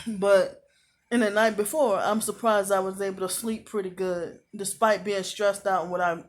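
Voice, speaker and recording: A woman talking casually to camera from a hotel room, aggrieved and repetitive, often clearing her throat, sounding tired. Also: medium pitch, fairly even intonation, moderate pace. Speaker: vlogger.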